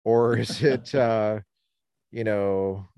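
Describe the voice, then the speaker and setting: A man from Colorado co-hosting a casual talk show, talking in a rambling, halting way with many restarts, standing outdoors by the ocean on a cold day. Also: fairly low pitch, fairly even intonation, a little mellow, smooth, no echo, highs cut off. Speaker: podcast co-host. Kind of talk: casual chat.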